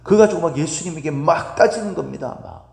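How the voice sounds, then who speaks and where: A male pastor delivers a sermon with a widely swinging, expressive pitch. He keeps turning to the congregation with rhetorical questions. His voice rings through a roomy hall with a long reverb tail. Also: fast talker, creaky. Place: church sanctuary.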